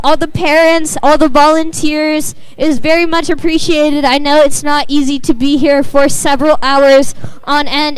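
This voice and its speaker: A woman emceeing a robotics tournament live in a school gym, announcing results in an upbeat, playful way. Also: high voice. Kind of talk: live event commentary.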